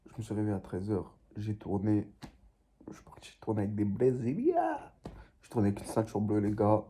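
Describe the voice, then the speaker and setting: A man's voice: lowish voice, very animated, fairly quick, mellow. A young man vlogging casually in French suburban street slang with an urban street accent, talking to viewers like mates. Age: young adult. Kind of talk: casual travel vlog. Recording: noisy handheld vlog with ambient vehicle noise.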